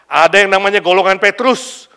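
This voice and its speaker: Pastor man from indonesia giving a sermon, bright sharp voice, acts out people in his stories. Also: high voice, brisk, clear, resonant tone. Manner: animated, acts out characters, mixes in English and casual slang. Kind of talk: sermon with anecdotal storytelling.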